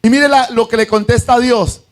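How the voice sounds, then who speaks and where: A man's voice: very high voice, normal speed. A man preaching a sermon as pastor, acting out voices from the story and asking his congregation questions. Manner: animated, acts out the voices of the story; asks the congregation "¿sí o no?".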